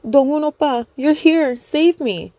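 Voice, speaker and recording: High-pitched young woman voiced by a female narrator, obsessive fan, jealous, whiny pleading, stammering, audio story character, dry close sound. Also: measured pace, dark tone, no room sound. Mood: feigned distress.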